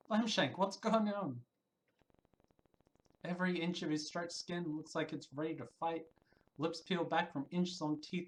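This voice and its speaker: A game streamer reading the narration aloud quietly during a livestream, breaking into lively asides to viewers. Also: mid-range voice, rough recording.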